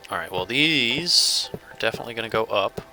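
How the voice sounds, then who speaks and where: A man's voice: lowish voice, lively intonation, fairly quick, sharp tone, soft background music. A man casually talking through his gameplay as a channel host, thinking aloud and chuckling now and then. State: hiccups. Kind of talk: casual let's-play commentary.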